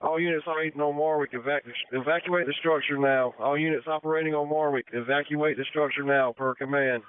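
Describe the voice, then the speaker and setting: A man's voice: a little high, steady tone, a little fast, very noisy. A male fire dispatcher making formal, repeated announcements over a two-way radio. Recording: thin narrow-band radio transmission.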